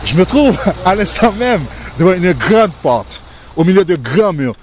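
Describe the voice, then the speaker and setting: A man's voice: high-pitched, expressive, unhurried, background noise. A Haitian-born man, speaking earnestly and directly to a named listener, outdoors in front of a prison. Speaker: former inmate speaking to camera. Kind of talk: documentary address.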